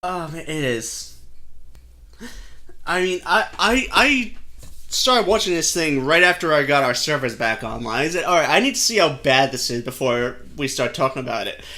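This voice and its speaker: A man with a bright, fairly high voice that swings up and down a lot as he talks. He co-hosts a casual podcast chat and sounds animated and exasperated, swearing freely as he goes. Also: moderate pace. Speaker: podcast co-host.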